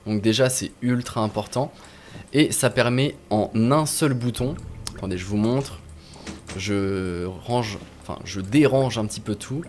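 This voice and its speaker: A man's voice: on the low side, unhurried, darkish tone, slight background noise. A man casually walking viewers through game add-ons on screen, talking informally with many fillers and restarts. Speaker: gaming video host. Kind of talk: casual screen-share tutorial.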